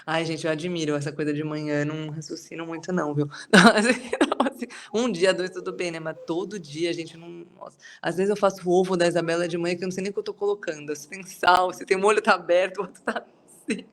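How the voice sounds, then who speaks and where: Fast-talking Brazilian woman telling her story. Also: fairly low pitch, fairly even intonation. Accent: Brazilian Portuguese. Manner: chatty, rambling, many fillers. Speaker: Bible study group leader. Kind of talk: casual testimony in a group.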